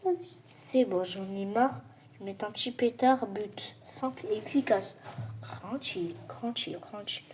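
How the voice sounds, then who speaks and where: A woman's voice: mid-range voice, normal speed, a little mellow, slight background noise. A woman doing casual gameplay commentary on a football video game, frustrated and repeating her complaints over and over, now and then slipping into mock play-by-play.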